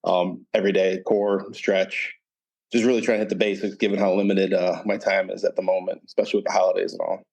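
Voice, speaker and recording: Low-ish guy, lots of ums, guest on a panel. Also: little pitch movement, quick pace, vocal fry, a little mellow, breathy edge. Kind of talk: casual panel chat.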